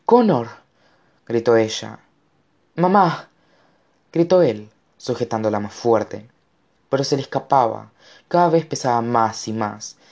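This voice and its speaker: A man's voice: fairly low pitch, gravelly, darkish tone. A man narrating an audiobook with dramatic storytelling. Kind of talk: scripted narration.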